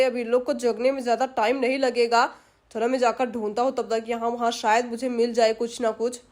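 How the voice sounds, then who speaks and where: A woman's voice: a little high, darkish tone, pitched below the performer's own voice, natural voice. A woman voicing a scheming village thief. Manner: muttering schemes to himself, gloating.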